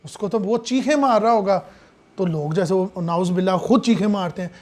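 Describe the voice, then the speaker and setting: High-voiced impassioned male preacher. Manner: impassioned, rhetorical questions, swings from hushed to loud. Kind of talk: sermon.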